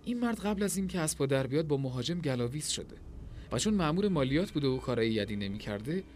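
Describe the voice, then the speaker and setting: A man voicing a sharp-witted Babylonian scholar who speaks in a dry, ironic way. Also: fairly high pitch, big pitch swings, slight background noise. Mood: thoughtful.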